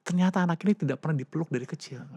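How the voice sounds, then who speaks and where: Man, psychologist, animated storytelling, high and lively pitch, rapid talk. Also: breathy edge, no room sound. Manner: animated, acts out quoted voices. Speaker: psychologist guest. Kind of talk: casual storytelling conversation.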